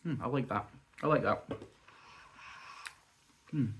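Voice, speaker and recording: In his home, a man samples cheese and crackers for a casual food review vlog, chatty and musing as he tastes. He speaks slowly in a mid-range, fairly bright voice, and a lingering cough and some sniffles remain from a recent bug.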